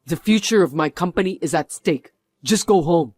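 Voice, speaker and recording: A man's voice: fairly high pitch, expressive, normal speed, a little mellow, no room sound. A man playing a stern company executive who scolds his mother with a firm manner in a dubbed drama.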